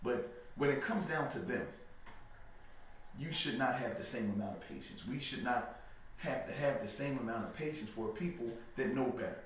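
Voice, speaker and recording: An interview guest, a man with a medium-pitched voice, speaks at a normal speed. His religious talk is emphatic and preachy, peppered with checks of "you know what I mean." The sound is echoey and a bit noisy, picked up by a far-off microphone.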